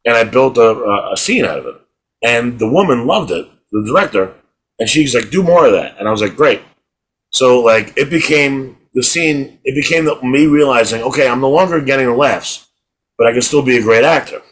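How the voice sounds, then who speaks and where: Animated and a little fast, a middle-aged podcast co-host rambles through stories in casual conversation, restarting and repeating words as he begins. His medium-pitched voice is fairly bright and slightly rough, and the audio is poor.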